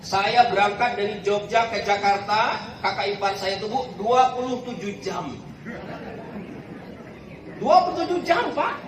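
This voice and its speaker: Here a Palembang preacher's high-sitting voice moves at a moderate pace with hardly any pauses as he jokes through a sermon for his community, constantly asking listeners to agree. The background is noisy: a reverberant hall, a far-off microphone and a crowd.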